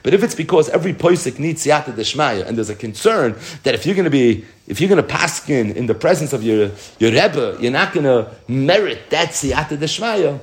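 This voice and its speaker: Man, slightly high-pitched, highly varied intonation, rabbi's Talmud lesson, translating and explaining aloud. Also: moderate pace, few pauses. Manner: animated, sing-song explaining with rhetorical questions. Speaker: rabbi teaching a Talmud class.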